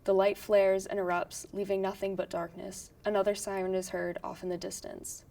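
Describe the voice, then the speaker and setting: Woman, stage-direction reader, gravelly, distant from the mic. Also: mid-range voice, little pitch movement, moderate pace, dark tone.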